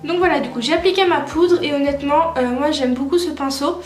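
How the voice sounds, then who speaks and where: A young French beauty vlogger with a high, light voice walks viewers through her makeup in a relaxed, chatty way. She often pauses on "euh" and corrects herself. Her voice echoes in a roomy space with soft music playing faintly underneath.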